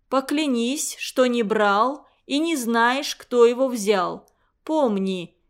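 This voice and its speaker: A woman reading the part of a furious old woman who runs a boarding school, speaking slowly and hoarsely with menace. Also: a little high.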